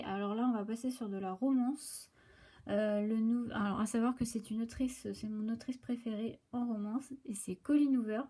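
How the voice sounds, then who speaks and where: A woman's voice: on the high side, dark tone. A French woman talks casually to the camera about new book releases, hesitating with many fillers and restarts, recorded on her phone.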